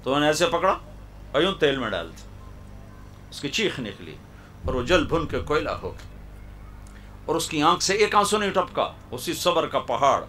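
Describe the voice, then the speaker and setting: A male preacher telling a story in a sermon at a university hall, dramatic, swinging between loud cries and hushed tones. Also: fairly high pitch, sing-song, pauses often, a little hiss or hum.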